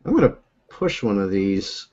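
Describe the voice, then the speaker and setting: A man's voice: fairly low pitch, very animated, moderate pace, a little mellow, dull audio. A young man hosting a casual video call chat, rambling and laughing often as he talks from a room at home. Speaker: host. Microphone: own desk microphone.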